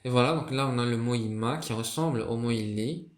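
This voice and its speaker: A man's voice: medium pitch, brisk. A man giving a casual spoken lesson on a writing system, hesitant and full of fillers and restarts. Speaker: video creator explaining a writing system. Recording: roomy echo.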